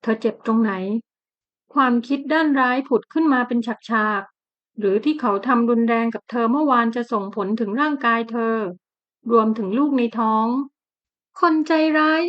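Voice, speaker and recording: A woman narrating a romance novel in an audiobook with an even, measured delivery. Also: fairly high pitch, dull audio.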